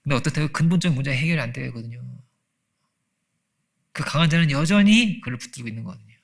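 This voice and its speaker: A gravelly, husky-voiced man preaches a Sunday sermon at a brisk pace. He talks with his congregation more than at them, firing off rhetorical questions and acting out quoted voices. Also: medium pitch, lively intonation. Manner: acts out quoted voices, laughs often. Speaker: pastor. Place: church sanctuary.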